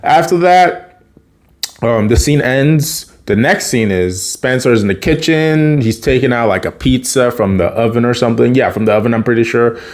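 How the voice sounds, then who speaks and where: A man's voice: mid-range voice, normal speed. A man casually recapping a TV episode, rambling with many fillers and self-corrections. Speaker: video creator.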